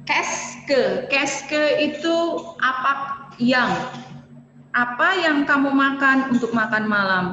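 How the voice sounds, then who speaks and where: A woman teaching a French class online who explains patiently and slows down to model the example sentences. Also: fairly high pitch, a bit bright. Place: home room on a video call. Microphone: laptop mic on video call. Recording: echoey, dull video-call audio with faint noise.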